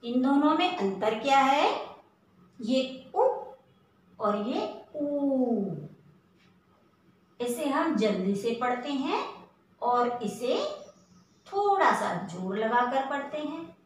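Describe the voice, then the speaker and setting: A woman teaching young children a patient lesson, asking questions and sounding out each letter slowly. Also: sits high, animated, distant mic. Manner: patient, asks questions and answers them herself. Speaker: primary school teacher. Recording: very echoey room, voice from off-mic.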